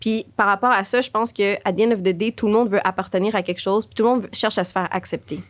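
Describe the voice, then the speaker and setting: A woman from Chile speaks with a Quebec French accent in a relaxed podcast chat. She talks in an expressive, animated way, full of fillers and the odd English word. Her voice sits at a middle pitch and sounds dry and close to the mic. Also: fast talker, no echo. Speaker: podcast co-host. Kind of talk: casual conversation.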